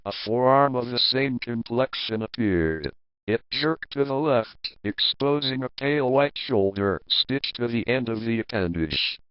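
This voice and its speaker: A man reading a first-person horror story aloud in a slow, measured narration. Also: medium pitch, clear, resonant tone, dry recording, dull audio.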